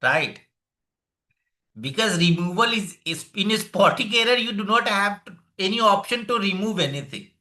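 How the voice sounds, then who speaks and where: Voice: mid-range voice, animated, moderate pace, sharp tone, rough recording. A teacher with a North Indian accent giving a live exam-prep lesson, instructing students and repeating short phrases and check words. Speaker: online English grammar teacher.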